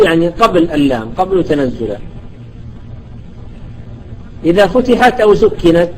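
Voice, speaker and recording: A man teaching a class on Quran recitation rules. He recites example words slowly one at a time, then explains quickly, and checks with his students now and then. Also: on the high side, a little hiss or hum, poor audio.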